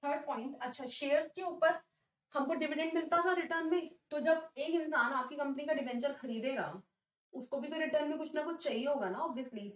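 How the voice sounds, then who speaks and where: A woman teaching a commerce lesson. She asks the class questions, answers them herself, and reads English definitions slowly. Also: high-pitched. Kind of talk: classroom lecture. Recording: echoey room, a little distant.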